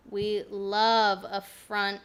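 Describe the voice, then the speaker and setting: A woman's voice: mid-range voice, flat delivery, extremely slow, smooth. A woman streamer giving casual reaction commentary into a desk mic. She is chatty, exclaims often and swears freely. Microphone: desk mic with adjustable gain.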